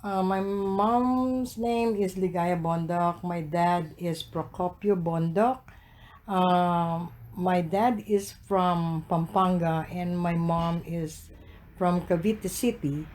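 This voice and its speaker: A man in his sixties from the Philippines, with a Filipino accent, answering interview questions hesitantly with many filler pauses. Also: high-pitched, fairly even intonation. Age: 60s. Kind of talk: oral history interview.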